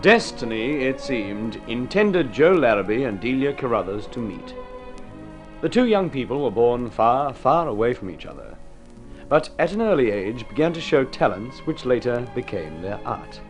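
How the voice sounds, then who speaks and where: On a vintage radio recording with music, an Australian-accented narrator and presenter tells an old radio drama in a formal, theatrical way. His medium-pitched voice is very animated and moves at a normal speed.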